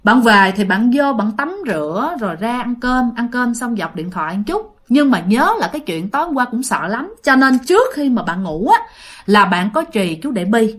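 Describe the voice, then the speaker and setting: A woman telling a ghost story in a chatty, repetitive way, speaking straight to her listeners. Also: a little high. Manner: animated, repetitive, addresses listeners directly.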